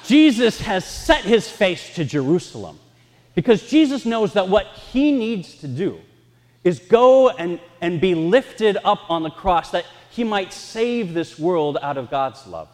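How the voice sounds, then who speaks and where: A man preaching a sermon, telling lively, self-mocking stories from the pulpit, his voice ringing with a cathedral-like echo in a large church. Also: sits high, a little slow. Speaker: pastor. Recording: long reverb in a church hall.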